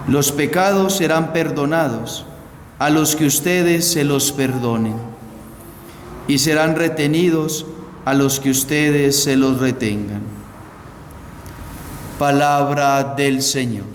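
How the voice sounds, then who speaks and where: A priest reads the Gospel and preaches in an unhurried, measured voice pitched a little above the usual for a man. His words ring out under a cathedral echo with a long hall reverb. A faint hiss sits behind him. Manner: slow, measured liturgical delivery. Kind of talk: Pentecost homily and Gospel reading. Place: large church. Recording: echoey church hall, faint background hiss.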